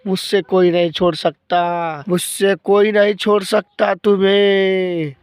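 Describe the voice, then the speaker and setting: A man's voice: sits high, little pitch movement, slow pace, a little mellow, smooth, dry recording, studio quality. A man voicing a menacing male ghost who snatches children and gloats over his threats.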